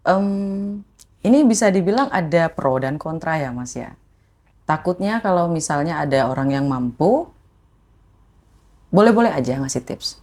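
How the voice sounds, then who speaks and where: A woman's voice: low voice, measured pace, long pauses. A woman guest telling personal stories in casual talk, acting out the voices of people she quotes. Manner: animated, re-enacts quoted voices. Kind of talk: emotional personal storytelling.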